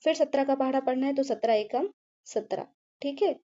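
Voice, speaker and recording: Speaking fairly quickly, a woman whose voice is high yet mellow patiently teaches maths step by step. She often checks on the class, asks herself questions and answers them as she goes, and says "ठीक है" repeatedly. The recording has a slightly dull, lo-fi quality.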